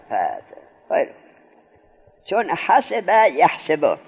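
A man's voice: high-pitched, creaky, breathy edge. A man teaching a grammar lesson, putting questions to his listeners and then answering them himself, drawing out key terms. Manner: drawn-out, stressed key terms. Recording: dull lo-fi recording.

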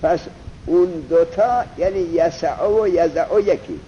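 Male teacher, somewhat high voice, quizzes the class and answers himself, muffled lo-fi classroom recording. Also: dark tone, slight background noise. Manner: explains step by step, asks students questions and answers them himself; reads Arabic passages slowly and deliberately. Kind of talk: classroom lesson on Arabic grammar.

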